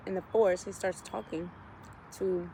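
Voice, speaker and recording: A woman retelling a book's plot in a casual, animated and profane way, full of slang. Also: fairly low pitch, normal speed, slight background noise, low-quality recording. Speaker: vlogger retelling a book. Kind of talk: casual storytelling.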